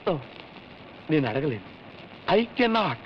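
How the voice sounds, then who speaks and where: An actor playing a blustering, bumbling police inspector who swaggers with threats and tosses in English phrases. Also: male voice, a little high, sing-song, slow, a little hiss or hum. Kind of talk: film comedy acting. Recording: dull lo-fi film audio.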